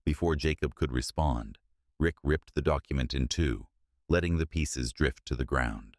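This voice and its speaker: Very deep-voiced male story narrator. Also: normal speed, no echo, clean studio sound.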